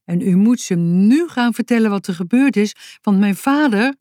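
A woman's voice: mid-range voice, animated, moderate pace, dark tone, no echo, clean studio sound, pitched above the performer's own voice, natural voice. A woman voicing an earnest young boy in a children's audiobook, urgent and insistent. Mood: eager.

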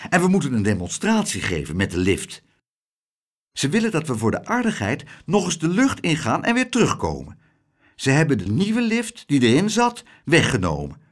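A man voicing a brisk, excited woman announcing news in a quick, lively manner. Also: a little high.

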